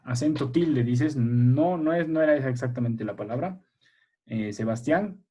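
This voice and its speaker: A male teacher runs an online language class with young pupils, speaking over a video call. His voice is dark and slightly husky. He is patient and encouraging and checks in often with his class. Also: medium pitch, normal speed. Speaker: primary school language teacher.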